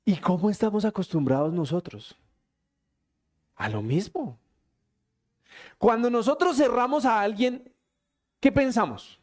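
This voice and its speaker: A man preaching as a pastor, lively and joking, acting out little scenes with quick quoted voices in a church hall. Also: high voice. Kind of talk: lively sermon.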